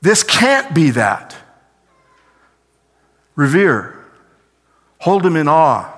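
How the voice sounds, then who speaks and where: Bright-voiced preacher in a reverberant hall. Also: male voice, fairly high pitch, sing-song, extremely slow. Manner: asks questions and answers them himself. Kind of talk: sermon.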